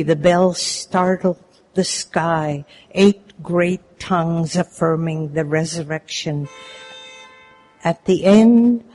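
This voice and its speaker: A reader delivering a poem in a measured, solemn, deliberate way. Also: mid-range voice, darkish tone. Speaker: poetry reader. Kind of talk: slow solemn poetry reading.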